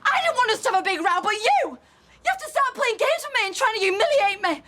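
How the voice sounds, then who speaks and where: An actress playing a sharp-tongued, defensive wife in a heated row in a TV soap. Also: female voice, very high voice, sing-song, fast talker, noisy background. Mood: angry. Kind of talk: soap opera acting.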